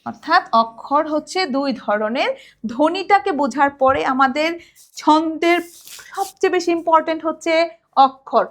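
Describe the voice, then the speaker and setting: A woman college lecturer from Bangladesh gives a recorded lesson in a high, bright voice. She explains step by step, poses questions and answers them herself, and recites short rhymes as examples. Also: normal speed. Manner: recites children's rhymes to show rhythm.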